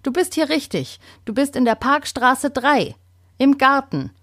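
A woman's voice: high voice, animated, measured pace, fairly bright tone, no room sound, clean studio sound, voice pushed up, full character voice. Woman doing a kind little boy. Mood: reassuring. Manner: patient, reassuring. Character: young boy, kind and reassuring. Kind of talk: children's audio story.

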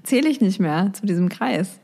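A woman co-hosting a relaxed conversation. She is chatty and laughs easily as she talks. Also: mid-range voice, normal speed, gravelly, breathy edge. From Germany. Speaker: podcast co-host. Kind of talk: casual chat.

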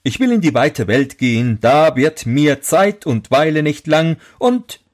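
A man's voice: a little high, big pitch swings, a little slow, voice pushed up. A man reading a fairy tale aloud, voicing a bold, fearless young prince with raised, cocky exclamations. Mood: defiant.

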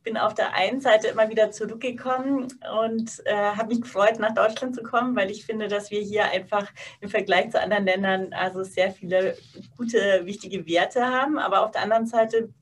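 A woman being interviewed as a co-founder, telling her story in a lively, easygoing way. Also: medium pitch, moderate pace, distant mic. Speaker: guest, co-founder. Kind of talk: conversational interview. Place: office space.

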